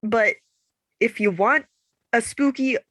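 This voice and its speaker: A woman chatting casually as a book podcast co-host, playful and quick to laugh, her voice congested because she can't breathe through her nose. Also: on the high side, no room sound. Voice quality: congested, stuffy blocked-nose voice. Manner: playful, animated, laughs easily. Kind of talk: casual chat.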